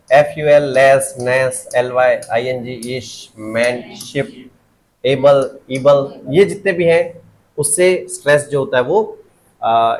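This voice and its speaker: A middle-aged man with a Hindi accent teaches word stress to exam students. His voice sits a little high for a man. He keeps putting questions to the class and says each word over slowly. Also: rough recording. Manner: quizzing the class, repeating words slowly, joking aside. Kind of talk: phonetics lesson for exam students.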